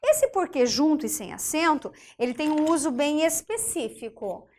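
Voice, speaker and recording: A Brazilian woman teaching a grammar lesson in a deliberate way, often checking in with her students. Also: high voice, sing-song, darkish tone.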